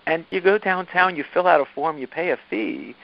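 A man, a team-building coach, telling stories animatedly as an interview guest, often jumping up in pitch for emphasis. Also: brisk, vocal fry, muffled recording. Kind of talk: interview storytelling.

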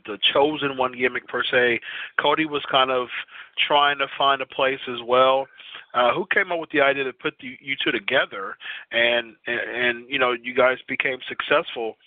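Male podcast interviewer, mid-pitched, loose and halting delivery, dry close sound. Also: no room sound, phone-quality sound. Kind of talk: casual interview questions.

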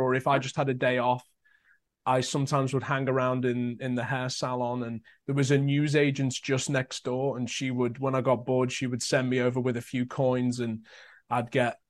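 A young man with a Liverpool accent, an actor chatting in an interview, telling stories with many fillers and restarts. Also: mid-range voice. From Merseyside, England. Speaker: actor guest. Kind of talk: casual interview chat.

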